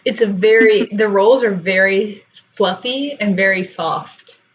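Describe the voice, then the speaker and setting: A woman's voice: mid-range voice, measured pace, highs cut off. Woman narrating as game master. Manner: casual, relaxed narration with fillers.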